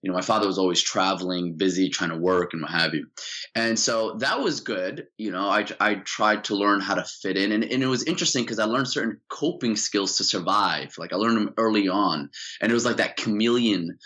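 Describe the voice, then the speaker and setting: A man's voice: lowish voice, brisk. A young man, originally from Saudi Arabia, telling his life story as a guest in a casual interview, earnest and full of fillers. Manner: earnest, animated, many fillers. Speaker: podcast guest.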